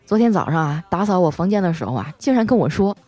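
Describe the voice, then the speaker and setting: Woman host spinning funny family stories, bouncy melodic voice, mellow tone, soft music behind. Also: on the low side. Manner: lively, chatty, drawn-out particles. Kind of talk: comic storytelling. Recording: faint music bed.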